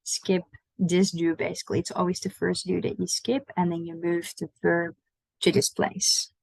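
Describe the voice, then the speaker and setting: Woman, online language tutor, low gravelly voice, slow patient delivery. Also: level tone, a little mellow, dry recording, low-quality recording. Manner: slow, patient, explaining pronunciation. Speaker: language teacher.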